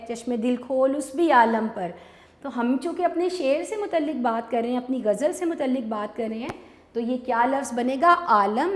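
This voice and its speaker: A woman teacher from Pakistan giving a recorded online lesson, patiently explaining step by step and asking and answering her own questions. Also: sits high. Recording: echoey room with long reverb.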